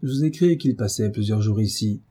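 Guy doing a loud cursing bully of a husband, dark husky voice cranked up high, storybook reading. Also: fairly quick. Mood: furious. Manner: blustering, cursing, shouting. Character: brutish loud-tempered middle-aged male landowner. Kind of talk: audiobook character reading.

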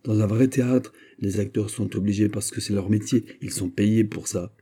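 A man reading the part of a proud, defiant young woman in an audiobook, with curt, clipped replies and a husky voice. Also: lowish voice, fairly even intonation, normal speed, warm tone.

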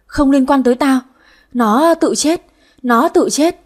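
A woman's voice: high voice, lively intonation, a little fast, darkish tone, husky, pitched above the performer's own voice. A woman voicing a spiteful, scheming young wife who shrieks and accuses in a frantic way, in a storybook reading.

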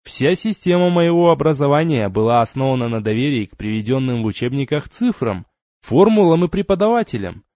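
A man's voice: medium pitch, big pitch swings, a little fast, darkish tone, dry recording. Man narrating with dry, wry colloquial tone. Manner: wry, colloquial storytelling with slang. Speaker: audiobook narrator. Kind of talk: first-person fantasy audiobook narration.

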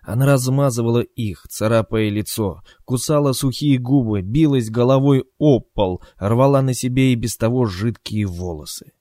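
A man's voice: medium pitch, moderate pace, few pauses, dark tone, no echo, studio quality. Man reading an ironic story aloud. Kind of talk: audiobook narration.

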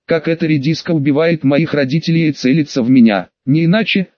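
A man's voice: on the high side, a little fast, dry recording. A man narrating an audiobook in the first person, wry and sarcastic with crude slang, on a slightly dull, dry recording.

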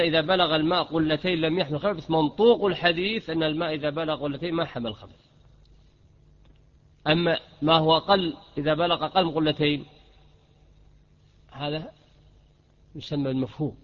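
Man, lesson, asks students questions, fast-paced, muffled recording. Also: a little high. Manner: quizzes students with rhetorical questions and repeats key terms. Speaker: sheikh teaching Islamic jurisprudence.

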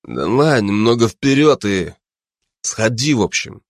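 A man's voice: fairly low pitch, expressive, measured pace, no echo, clean studio sound. A man voicing a hot-tempered gang boss who barks short orders. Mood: commanding. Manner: curt, barking orders.

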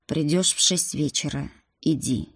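Woman narrator doing arrogant ice dragon prince: slow, low growl, husky, dry close read. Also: no room sound. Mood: stern. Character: arrogant male ice dragon prince, stern academy dean.

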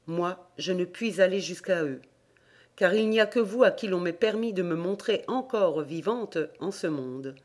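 A man reading the lines of a meek, grateful young woman's ghost in an audiobook folk tale, in a soft, humble delivery. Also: high voice, moderate pace, close to an everyday voice. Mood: gentle.

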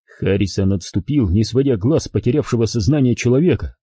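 Expressive man narrating an audiobook. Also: medium pitch, brisk, breathy edge, dry recording, clean studio sound. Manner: expressive, voices every character.

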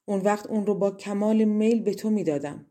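A woman's voice: mid-range voice, warm tone, close to an everyday voice. A woman voicing a sad, helpless young princess who pleads in despair. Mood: pleading.

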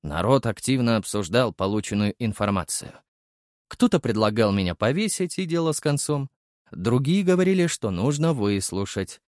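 A man narrating an audiobook in first person with lively storytelling. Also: mid-range voice, normal speed, no room sound, clean studio sound.

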